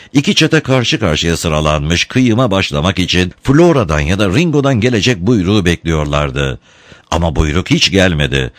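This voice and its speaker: A man reading a story aloud in an expressive, dramatic manner. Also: low-pitched, no room sound. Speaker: narrator. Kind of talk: audiobook narration.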